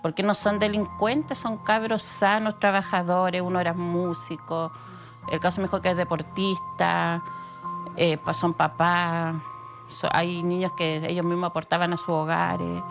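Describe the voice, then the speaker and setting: A woman with a Chilean Spanish accent answering interview questions in a steady, matter-of-fact way. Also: fairly low pitch, unhurried, gravelly, over music. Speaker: guest, mother of a detained youth.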